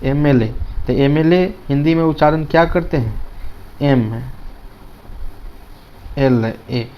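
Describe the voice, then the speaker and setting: Male tutor, lesson delivery, repeats terms and asks rhetorical checks; voice a bit high, dull lo-fi recording. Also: normal speed, smooth. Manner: repeats key words, asks students rhetorical questions. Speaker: teacher. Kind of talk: classroom lesson in Hindi with English terms.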